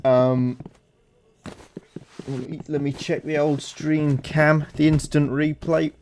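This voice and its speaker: A man's voice: fairly high pitch, level tone, slow, darkish tone, slight background noise. A twenty-year-old man hosting a casual gaming livestream through headset audio, upbeat and jokey as he reads out chat. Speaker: streamer.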